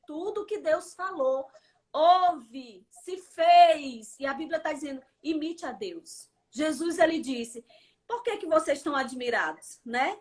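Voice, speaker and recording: A woman preaching fervently in a prayer livestream, calling her listeners "dear". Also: sits high. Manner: fervent, addresses listeners as "querido".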